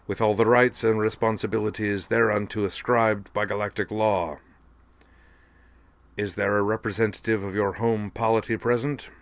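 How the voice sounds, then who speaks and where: A man's voice: lowish voice, dry recording, close to an everyday voice. A man voicing a formal, officious male doctor who chairs a review board and delivers rulings stiffly. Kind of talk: audiobook dialogue.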